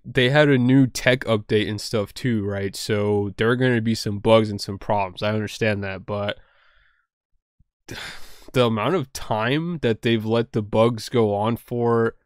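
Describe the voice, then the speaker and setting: Here a card game content creator, a young man at home, rambles casually to camera, packing in fillers and "like" and teasing himself. His voice is fairly low in pitch with a clean tone. It's a dry recording with clean studio sound.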